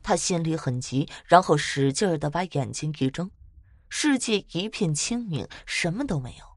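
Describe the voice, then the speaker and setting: A woman with a low voice recounts eerie tales in a casual, chatty way. Her pitch moves about a great deal as she builds suspense. The sound is close and dry, with no room around it. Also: moderate pace, no echo. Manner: chatty, lively retelling with dramatic swells. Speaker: storyteller. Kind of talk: casual narration of spooky stories.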